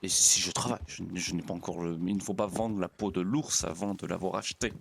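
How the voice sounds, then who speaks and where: In an in-character roleplay, a man plays a naive, polite young frontier pastor who chats with his horse in a formal, fussy way, often stammering and repeating words. His voice is low, steady, brisk and creaky, with background noise behind it.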